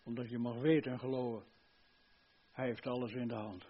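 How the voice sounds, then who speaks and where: An older man preaching a sermon, fervent, swinging between loud emphasis and hushed earnestness. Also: mid-range voice, level tone, a little fast, slightly rough, muffled recording.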